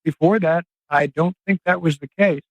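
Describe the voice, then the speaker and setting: An older man speaking as an investigative reporter and guest, in an earnest, emphatic interview monologue with drawn-out phrasing. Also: on the high side, no room sound. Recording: dry, slightly dull podcast audio.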